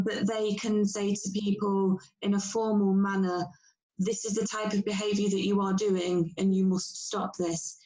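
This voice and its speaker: Woman police inspector on a video call, worn out from a long shift. Even, mellow delivery. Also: mid-range voice, poor audio. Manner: measured, factual report with frequent pauses. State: tired after a long shift. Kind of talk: briefing a council meeting.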